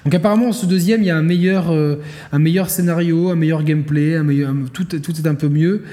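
A man's voice: on the high side, fairly even intonation, fast, warm tone, in a large hall. A man co-hosting a casual gaming podcast, rambling with many fillers and restarts. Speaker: podcast co-host.

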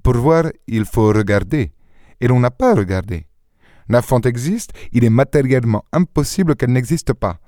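A man reading an audiobook, voicing a calm, self-assured gentleman detective who explains his reasoning in a slightly lecturing tone. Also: medium pitch, moderate pace, no echo, clean studio sound, close to an everyday voice. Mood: insistent.

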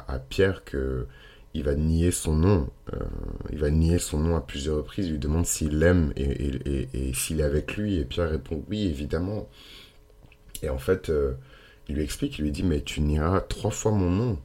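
A man with a gravelly morning voice and vocal fry, talking casually and hesitantly as a podcast host, with slangy turns of phrase. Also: extremely low pitch, moderate pace, warm tone. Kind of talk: casual unscripted monologue.

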